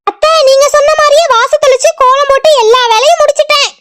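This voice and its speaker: A woman's voice: very high voice, a bit bright. Woman voicing a cheeky young daughter-in-law. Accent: southern Tamil Nadu. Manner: sassy, cheeky, quick retorts. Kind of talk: cartoon voice acting.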